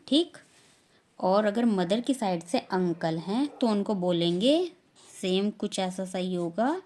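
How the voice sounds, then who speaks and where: Woman teacher, young adult, unhurried and patient, drawing out each word she teaches. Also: medium pitch. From India. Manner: slow and patient, repeats each word slowly and loudly. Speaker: language teacher. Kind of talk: beginner language lesson.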